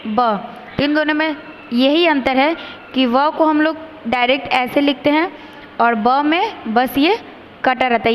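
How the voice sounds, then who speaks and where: A woman teacher leads children through a grammar lesson, pronouncing each sound slowly and carefully to stress how letters differ. Her voice is high, and the rough recording carries slight background noise.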